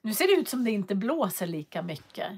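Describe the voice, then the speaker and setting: A woman's voice: mid-range voice, very animated, breathy edge. Woman, livestream host at home, loose and chatty, stops and starts as she reads comments. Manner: chatty, reads out viewer comments, frequent hesitations. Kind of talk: casual livestream chat. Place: cold home office.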